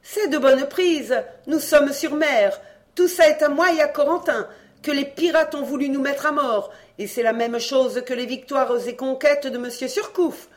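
An audiobook reader voicing an excited boy who boasts loudly over a haul of treasure. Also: sits high, a little slow, pitched above the performer's own voice. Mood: gleeful. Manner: gleeful, boastful, drawn out. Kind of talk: audiobook reading, acted dialogue.

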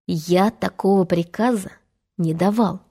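A woman voicing a fierce male pirate captain in a storybook reading, speaking slowly, low and threatening. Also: lively intonation. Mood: uneasy.

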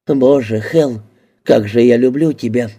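A man reading an audiobook, voicing a blunt, quick-tempered woman who swears and used to be a call girl. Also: mid-range voice, dark tone, husky. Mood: tender.

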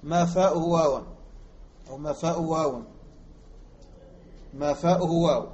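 A man from Algeria teaching Arabic morphology as a lecture, repeating example words slowly and quizzing his listeners. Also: fairly high pitch, steady tone, darkish tone. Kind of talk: classroom lecture explaining grammar. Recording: muffled lo-fi recording.

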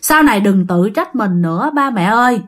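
A woman's voice: mid-range voice, expressive, moderate pace, lightly acted. A woman voicing the ghost of a young man who speaks through a possessed woman, tearful and pleading.

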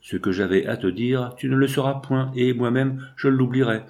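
A man's voice: mid-range voice, moderate pace, a little mellow, lightly acted. A man voicing an earnest young woman, wounded and reproachful, in a read-aloud novel. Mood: bitter.

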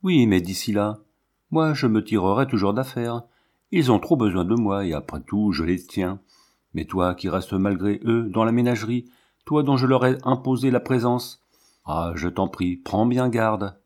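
A sharp, defiant young lion tamer from a storybook, speaking curtly and firmly in a low register, as a male reader puts her on. The tone stays plain and unadorned. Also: moderate pace, close to an everyday voice. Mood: worried, pleading.

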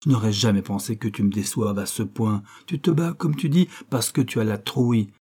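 A man's voice: on the low side, fairly quick, dark tone, husky. A man reading an audiobook and voicing a blunt, indignant old friend who scolds hotly. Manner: scolding, heated and accusing.

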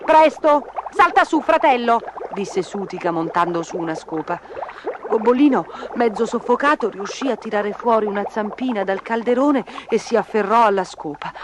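A woman's voice: medium pitch, moderate pace. Woman reading a fairy tale aloud. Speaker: storyteller. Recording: noisy background.

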